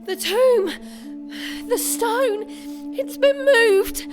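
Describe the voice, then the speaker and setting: A woman's voice: very high-pitched, drawn-out words, over music, exaggerated voice. A woman playing a grieving young female disciple who speaks tearfully, in an audio drama. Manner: tearful, breathless pleading.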